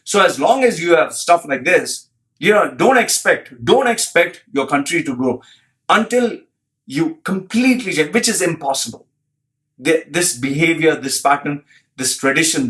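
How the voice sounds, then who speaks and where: A man's voice: fairly high pitch, animated, unhurried, a bit bright. A man giving a blunt, profane commentary, repeating phrases for emphasis and reading out an article.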